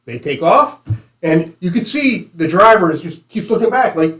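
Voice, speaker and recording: A man chatting casually and telling stories as a panelist in a relaxed group discussion. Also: high voice, moderate pace. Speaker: podcast panelist on policing. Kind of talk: casual conversational storytelling. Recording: roomy, echoey room.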